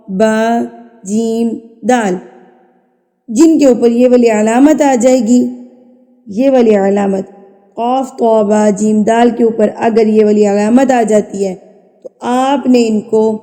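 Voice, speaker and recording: A woman's voice: on the high side, mellow, big-room sound. A woman teaching a Quran recitation lesson in patient, methodical steps, asking herself questions, answering them, and repeating sounds to demonstrate. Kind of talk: step-by-step tajweed lesson.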